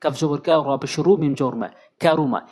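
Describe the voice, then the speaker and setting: A man with a slightly high voice runs a Quran reading lesson. He spells out each Arabic syllable, then repeats it again and again in a steady drill. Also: fairly quick. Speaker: Quran teacher.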